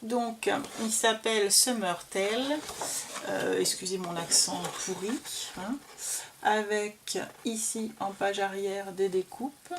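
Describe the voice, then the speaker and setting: A woman's voice: medium pitch, fairly even intonation, slow, noisy background. A woman chatting casually and enthusiastically as she shows off scrapbooking papers, with lots of fillers. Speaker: crafting vlogger.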